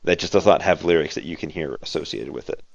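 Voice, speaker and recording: A man's voice: extremely low pitch, quick pace, creaky, no room sound, highs cut off. A man narrating and running a tabletop role-playing game as game master, with dry, teasing asides.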